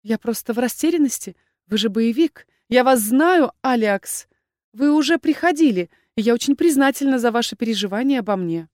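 A woman voicing a shy, gentle young lady who speaks in a timid, hurried way, in an audiobook. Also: a little high, animated, dry recording, studio quality, natural voice. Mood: flustered. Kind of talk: audiobook narration.

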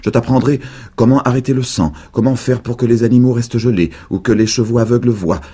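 A man voicing a lonely, scheming old woman witch in a storybook reading, pitched high and coaxing. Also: steady tone, fairly quick, mellow, breathy edge, lightly acted. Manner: shrill, pleading, coaxing.

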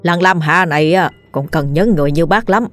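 A woman's voice: lowish voice, brisk, no echo, natural voice. A stubborn old villager, as a woman reads him, mocks his friend's fears in a dry, close voice. He talks with easy, teasing confidence. Faint music plays behind the story. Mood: scoffing. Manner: brushes off fears, mocking.

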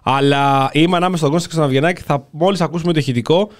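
A man co-hosting a casual satirical chat, talking with biting sarcasm. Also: fairly high pitch. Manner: sarcastic, mocking. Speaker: co-host.

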